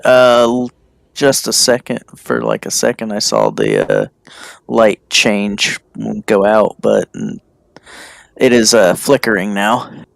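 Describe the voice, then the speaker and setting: A man's voice: fairly low pitch, expressive, slow pace, creaky, no echo. A man chatting casually as a player in a tabletop game. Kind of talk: casual chat.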